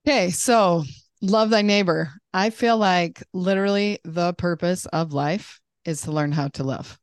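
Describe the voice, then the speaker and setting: Bubbly low-voiced woman guest. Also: unhurried, clean tone, no echo, studio quality. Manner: bubbly, talkative, laughs often. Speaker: podcast guest, life coach. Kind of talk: casual podcast chat.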